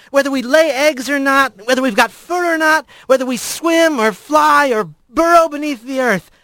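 Man doing a female otter leader, folksy and earnest, high lively voice, storybook. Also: no echo, exaggerated voice.

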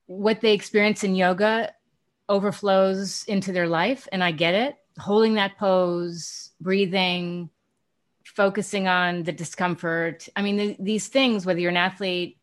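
A woman's voice: mid-range voice, fairly even intonation, a little slow. A woman hosting a radio show, talking conversationally as she interviews a guest.

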